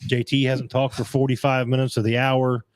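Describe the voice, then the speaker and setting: A podcast host chats casually about dirt track racing, his mid-range voice turning a bit scratchy. He speaks at a moderate pace in a level tone with no echo, rambling and often restarting as he reads out comments.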